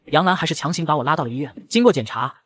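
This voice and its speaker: Fast, husky male storyteller. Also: on the high side, expressive, a bit bright. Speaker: narrator. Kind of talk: scripted first-person story narration.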